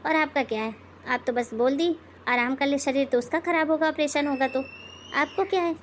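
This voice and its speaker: A woman voicing an outspoken elder daughter-in-law in an animated moral story, lecturing and sarcastic. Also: sits high, normal speed, slight background noise, close to an everyday voice.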